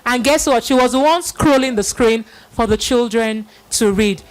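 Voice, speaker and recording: This middle-aged woman, whose voice runs on the high side, keeps a moderate pace while hosting a live children's Bible event. Her manner is exhorting as she introduces and addresses people, leaning on repeated phrases.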